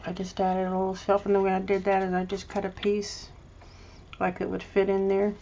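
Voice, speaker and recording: A woman's voice: medium pitch, completely flat delivery, brisk, creaky, muffled recording, background noise. A woman showing her craft project in a casual, rambling vlog, often restarting her sentences. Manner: rambling, hesitant, chatty with many restarts. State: mouth full of candy. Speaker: crafting vlogger. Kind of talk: casual show-and-tell craft video.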